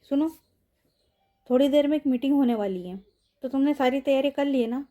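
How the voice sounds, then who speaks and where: A woman's voice: sits high, fairly quick, warm tone, close to an everyday voice. A woman voicing a young woman office boss who mutters anxious questions to herself. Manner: muttering to herself in inner monologue.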